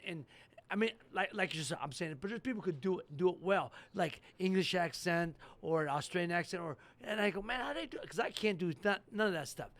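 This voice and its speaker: A man's voice: sits high, fairly bright tone. A man hosting a podcast, asking rambling, emphatic questions. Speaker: podcast host. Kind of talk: casual chat. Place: podcast studio.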